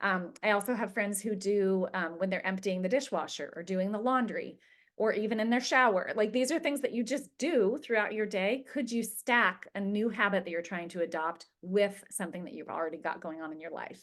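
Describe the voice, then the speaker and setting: A woman's voice: medium pitch, fairly quick. A middle-aged woman leading a group coaching session on habits, chatty and informal with lots of fillers. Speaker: wellness coach. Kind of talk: casual group coaching talk.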